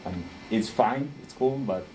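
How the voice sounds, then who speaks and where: A man in his thirties from Rica, speaking English, giving a friendly conference talk with frequent small laughs and pauses while he searches for words. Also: on the low side, a little mellow, a little hiss or hum, low-quality recording. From Costa Rica.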